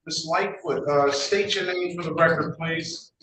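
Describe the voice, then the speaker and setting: A man presiding as judge over traffic court, talking haltingly with repeated words and folksy asides, heard on a courtroom recording. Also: fairly high pitch, pushed and bright. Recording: echoey room, distant mic, noisy.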